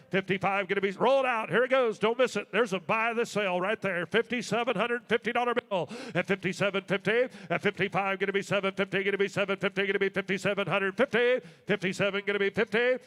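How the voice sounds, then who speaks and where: A man working as an auctioneer, calling bids in a rapid, repetitive, rolling live chant. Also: high voice, fairly bright tone. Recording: long hall reverb.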